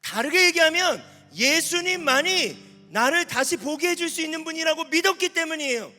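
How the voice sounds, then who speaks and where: A man preaching at a youth camp as pastor, animated, asking the audience questions and at times shouting. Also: extremely high pitch, moderate pace. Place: large hall at a youth camp. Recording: long hall reverb with faint instrument music.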